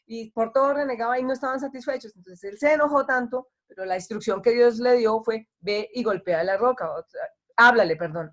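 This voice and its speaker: Woman pastor, conversational sermon. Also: fairly high pitch. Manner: conversational, acts out quoted complaints. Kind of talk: online sermon.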